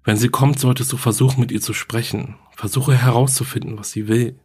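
A man voicing a calm, matter-of-fact girl with a morbid streak. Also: mid-range voice, brisk, breathy edge, lightly acted.

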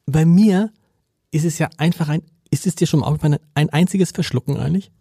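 A man's voice: on the high side, fast, warm tone, husky, dry recording, studio quality. A man hosting a podcast in casual chat, laughing often and restarting his sentences. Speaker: podcast host.

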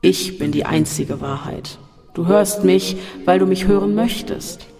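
A narrator voicing a sinister male voice that taunts from a dark shaft in an audiobook, over faint music in a long reverb. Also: medium pitch, unhurried, creaky. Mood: taunting. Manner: mocking, then coaxing and seductive.

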